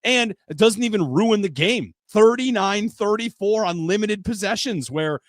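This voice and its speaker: A man hosting a football podcast in casual chat, his voice sitting a touch high and close to the mic with a dry, dead sound. He leads the talk, rattles off stats and tosses in plenty of easygoing fillers. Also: expressive, moderate pace, dry recording. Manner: stat-heavy, loose and chatty, leads the discussion. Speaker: sports podcast host.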